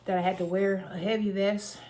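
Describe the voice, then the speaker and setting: A woman's voice: mid-range voice, level tone, fairly quick, darkish tone. A woman in her thirties sharing her own story in casual talk, earnest and conversational with many fillers. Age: 30s. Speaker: person sharing a health story. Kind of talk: casual personal testimony.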